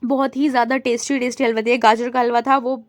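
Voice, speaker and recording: Young woman vlogger, high voice, dry close sound, chatty and casual. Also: little pitch movement, fast, dry recording. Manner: chatty, showing things to viewers. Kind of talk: casual vlog narration.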